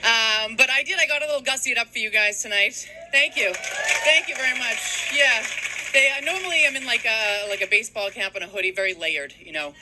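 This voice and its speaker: A woman comic in her thirties from Boston doing a stand-up set, telling stories in a deadpan way and dropping her voice low to mimic her mother. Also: a little fast, noisy background. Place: comedy stage before a live audience.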